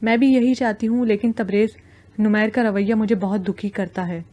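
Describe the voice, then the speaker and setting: A woman's voice: mid-range voice, fairly even intonation, warm tone, natural voice. A woman voicing an anxious, lovesick young female student who speaks hesitantly and fretfully.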